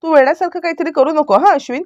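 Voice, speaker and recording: A woman's voice: sits high, racing, dry recording, highs cut off, voice pushed up, natural voice. A woman reading the lines of an irritated, defensive young woman in a serial recap. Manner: irritated, argumentative.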